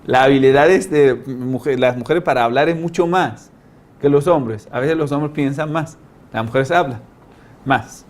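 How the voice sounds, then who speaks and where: A man's voice: mid-range voice, measured pace. A man who is a religious teacher, giving a lecture in non-native Spanish with grammar slips, explaining with rhetorical questions, homespun examples and humorous asides.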